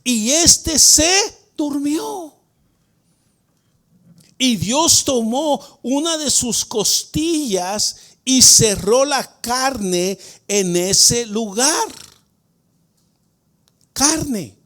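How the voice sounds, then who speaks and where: A male pastor with a notably high voice preaches a sermon in a church at a slow, drawn-out pace. He throws questions to the congregation and swings from hushed explanation to loud, shouted emphasis. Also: lively intonation. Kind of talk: Spanish-language sermon. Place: church sanctuary.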